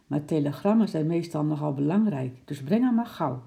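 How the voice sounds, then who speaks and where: A narrator voicing a brisk, caring mother giving her daughter an errand. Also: medium pitch, lively intonation, vocal fry, dark tone.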